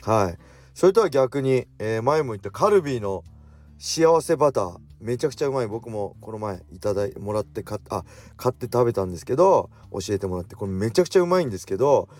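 A man in his forties hosting a casual solo radio talk, drifting faster as he goes and correcting himself mid-phrase. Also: on the low side, lively intonation, darkish tone. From Japan. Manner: speeds up as he talks, with self-corrections. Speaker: radio show host.

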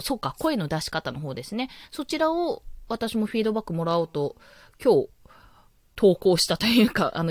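A woman's voice: medium pitch, a little mellow, dry recording. A young woman hosting a casual live stream, chatty and laughing often, talking into a handheld mic. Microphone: handheld mic, moved around.

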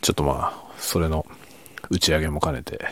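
A man hosting a quiet late-night solo chat, talking in a soft, unhurried, rambling way from his bedroom. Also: very deep voice, steady tone, no room sound. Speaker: podcast host.

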